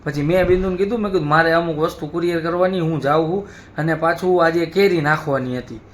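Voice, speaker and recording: A man with a fairly high voice speaks quickly as he hosts a family vlog, casually recounting how his day went. It's relaxed, conversational storytelling in a casual chat.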